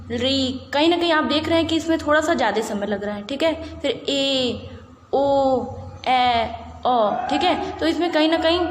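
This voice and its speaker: High-voiced woman teaching in an echoey room. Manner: patient, repeats "ठीक है" and asks rhetorical questions. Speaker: Sanskrit teacher. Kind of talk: online lecture explaining grammar. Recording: echoey room with faint background hiss.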